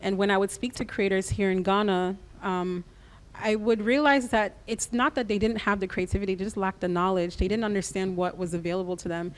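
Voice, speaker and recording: A woman, raised in the United States, speaks as a guest in a radio interview, explaining her creative business in a practical, measured way. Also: medium pitch, steady tone.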